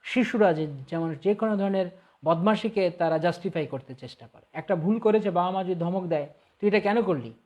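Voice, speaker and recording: A man's voice: sits high, a little fast, darkish tone, dull audio. A man with a Bengali accent, a spiritual teacher answering viewer questions in a devotional talk, reading each question aloud and then explaining it with everyday examples.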